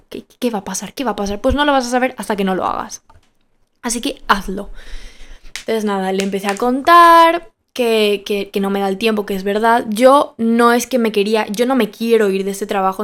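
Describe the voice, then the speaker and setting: A nineteen-year-old woman hosting a podcast, talking candidly and emphatically in a casual motivational monologue, repeating phrases for stress. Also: on the high side. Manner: candid and personal, self-deprecating. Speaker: podcast host.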